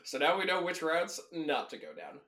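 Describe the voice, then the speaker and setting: A woman's voice: deep voice, animated, moderate pace, a bit bright. A woman co-hosting and editing a casual podcast, making wry, dry asides and laughing. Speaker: podcast co-host and editor. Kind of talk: casual chat.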